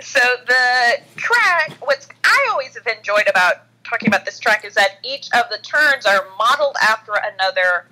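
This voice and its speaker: A woman's voice: on the high side, sing-song, normal speed, hardly any pauses, pushed and bright, low-quality recording. A woman co-hosting a racing podcast in playful casual chat. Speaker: podcast co-host.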